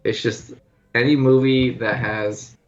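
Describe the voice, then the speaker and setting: A man's voice: mid-range voice, fairly even intonation, takes it slowly, dull audio. A young man co-hosting a casual podcast chat, easygoing and agreeable, who trails off into fillers. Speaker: podcast co-host.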